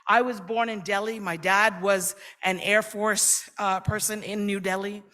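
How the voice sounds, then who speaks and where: A woman's voice: mid-range voice, steady tone, unhurried, sharp tone, in a large hall. A middle-aged woman giving a friendly, conversational personal speech at a conference. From New York, USA. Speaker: invited speaker. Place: conference hall.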